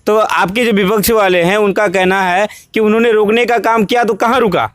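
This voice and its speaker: Bihari male local reporter, high-pitched, rambling wordy questions, dry close audio. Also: steady tone, brisk, fairly bright tone, no echo. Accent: Bihari Hindi. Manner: wordy, hesitant, restarting questions. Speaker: interviewer.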